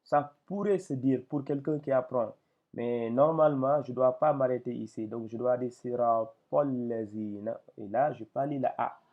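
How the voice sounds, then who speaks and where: A man teaching Arabic letters in a lesson, speaking slowly and hesitantly with many fillers and a gravelly voice. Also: medium pitch. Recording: tinny lo-fi phone-like audio.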